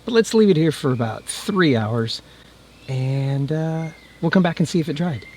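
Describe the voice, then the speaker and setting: Against a noisy background, a man with a voice on the high side narrates expressively at normal speed. He's the host of a DIY video channel, keeping things chatty and folksy with wry remarks aimed at the viewer.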